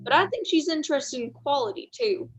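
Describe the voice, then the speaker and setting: A woman's voice: high voice, animated, fairly quick, highs cut off. A girl reading a folksy small-town stage manager. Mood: musing. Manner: chatty, plainspoken storytelling. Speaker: student actor. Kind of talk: amateur play reading.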